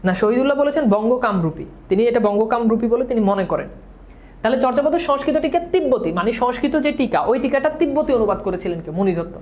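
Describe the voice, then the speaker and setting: A man's voice: extremely high pitch, lively intonation, a little mellow. A man teaching an online exam-prep lecture, drilling questions and answers over and over and sprinkling English words into his speech. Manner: talks fast, as he admits.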